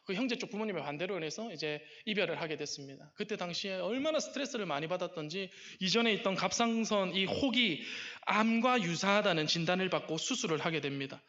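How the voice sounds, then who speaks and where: Animated preaching man, bright voice. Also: sits high, fast talker, hardly any pauses, muffled recording. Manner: animated, acts out quoted prayers softly. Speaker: pastor. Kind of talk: sermon storytelling. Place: church sanctuary.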